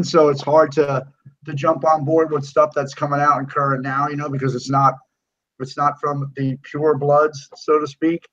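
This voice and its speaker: A man co-hosting a casual podcast chat, animated and given to swearing rants. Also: fairly high pitch. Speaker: podcast co-host. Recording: dull lo-fi sound.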